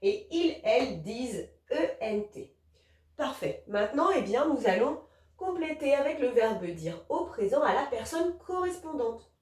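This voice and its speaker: A woman teaches young children a grammar lesson, patient and encouraging as she spells words out letter by letter. Her high voice swings up and down in a lively sing-song. It rings in a roomy space, picked up from a little way off the mic. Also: unhurried, distant mic.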